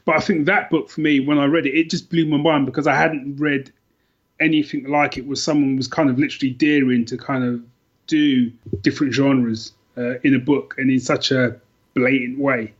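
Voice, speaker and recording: A middle-aged Londoner chats casually as a podcast guest, telling personal stories with enthusiasm, rambling and often repeating himself. His mid-range voice has little pitch movement at a normal speed, and the sound is lo-fi.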